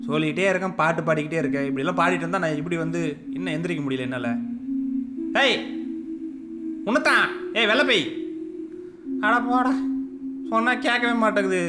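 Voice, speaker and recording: A gaming channel host delivers let's-play commentary on a horror game, panicking and scolding the ghosts out loud as he plays. His voice sits high with lively intonation, and he speaks briskly but leaves long pauses. Game music plays behind him.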